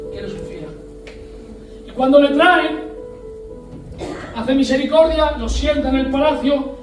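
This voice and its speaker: A man with a Spain Spanish accent preaching a sermon, telling a story and acting out its scenes in different voices. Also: extremely high pitch. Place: church. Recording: echoey church hall, mic at a distance.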